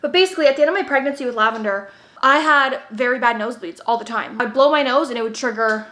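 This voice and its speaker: High bright pregnant young woman chatting to camera at home, tells stories, laughs a lot. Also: fast, slight background noise. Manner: chatty storytelling, laughs often, acts out quotes. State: heavily pregnant. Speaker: vlogger. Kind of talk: casual chat to camera. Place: at home in a playroom.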